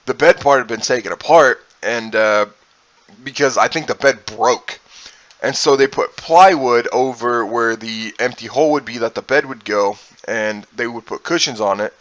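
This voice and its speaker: A man who streams tells a personal story casually and ramblingly, acting out bits of dialogue as he goes, with mild profanity. His voice is medium-pitched and a bit bright, with no echo.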